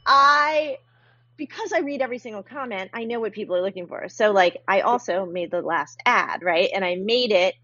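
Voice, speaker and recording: A woman's voice: medium pitch, moderate pace, dry recording, dull audio. A woman entrepreneur in a casual panel chat on a video call, telling stories animatedly and often checking in with "right?". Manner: animated, storytelling with frequent "right?". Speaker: entrepreneur guest.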